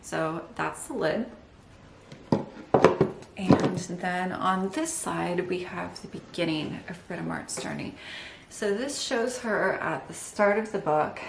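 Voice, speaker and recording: In a windowed indoor room, a woman who hosts an embroidery channel walks viewers through her stitching with enthusiasm and wry asides, out of breath from holding a heavy piece. Her voice is lowish, slow, and full of vocal fry. The audio is echoey with heavy background noise.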